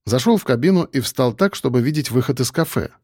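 A man narrating a first-person audiobook in an ironic, lively manner, close to the mic. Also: medium pitch, a little fast, breathy edge, no echo.

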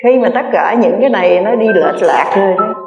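A woman's voice: mid-range voice, expressive, brisk, muffled recording, over music. A Buddhist nun giving an earnest dharma talk, repeating key phrases and addressing her listeners directly. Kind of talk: sermon. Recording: echoey reverberant hall.

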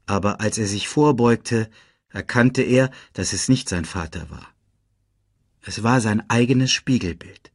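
A man reading a children's storybook aloud in an expressive, dramatic way. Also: lowish voice, unhurried, no room sound, studio quality. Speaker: audiobook narrator.

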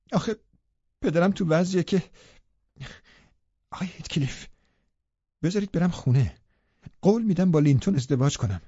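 Male reader doing a frightened young woman, pleading and tearful, mellow tone, dry slightly dull audio. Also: on the high side, breathy edge, dry recording, voice pushed up. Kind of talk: audiobook character reading.

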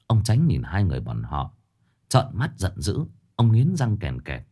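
A man narrating a scripted ghost story in a dramatic, expressive way. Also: low voice, moderate pace, husky.

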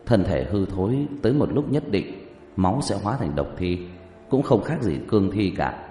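A man doing a calm, sly young exorcist, low and offhand. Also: normal speed, faint music behind, natural voice. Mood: explaining. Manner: offhand, matter-of-fact explaining. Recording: roomy reverberant recording.

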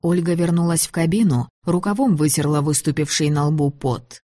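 Woman audiobook narrator, low voice, measured even reading, dry close mic. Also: no room sound.

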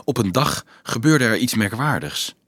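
A man's voice: mid-range voice, lively intonation, normal speed, a bit bright, breathy edge, no room sound. Man narrating a storybook, dry sound. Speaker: audiobook narrator. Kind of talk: scripted narration.

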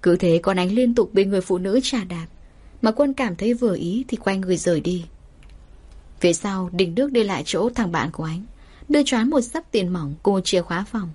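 A woman storyteller reading a drama story in steady scripted narration. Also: medium pitch, a little fast, slightly rough.

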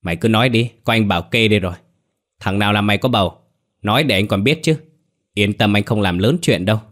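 Brief: gruff, indignant big brother in a village ghost tale, read by a male narrator. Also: on the low side, quick pace, a bit bright, lightly acted. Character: hot-tempered protective young man, older brother.

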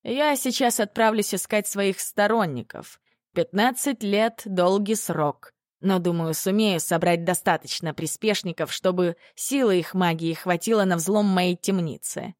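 A woman voicing a cold, commanding, bodiless male dark lord in an audiobook, speaking in a clipped, imperious way. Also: medium pitch, unhurried, no room sound, studio quality, natural voice. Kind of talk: audiobook character reading.

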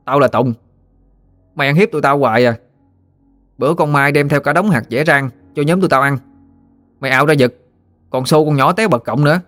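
A man's voice: on the high side, fairly bright tone, no echo, soft background music, voice pushed up, close to an everyday voice. A man doing an indignant, timid little boy. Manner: indignant, rushing accusations. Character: timid boy suddenly brave.

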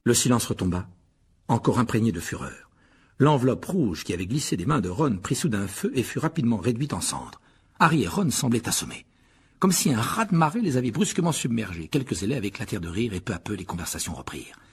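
A man's voice: mid-range voice, big pitch swings, brisk, slightly rough. A man reading a children's novel aloud as an audiobook narrator, telling the story expressively. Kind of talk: scripted narration.

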